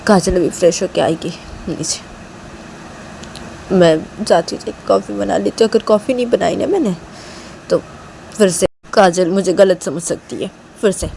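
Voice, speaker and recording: A woman's voice: mid-range voice, moderate pace, creaky, warm tone, a little hiss or hum, lightly acted. A woman voicing an anxious, lovesick young woman who pleads tearfully and repeats herself. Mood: anxious pleading.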